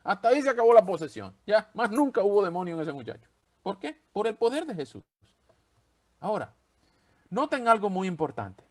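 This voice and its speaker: A man preaching a sermon as pastor, expressive and acting out the voices he quotes. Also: high-pitched, fairly quick, pauses often.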